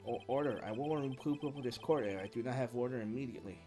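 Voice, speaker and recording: A man's voice: mid-range voice, lively intonation, normal speed, darkish tone, close to an everyday voice. A man voicing a flustered older judge who blusters for order, over game music.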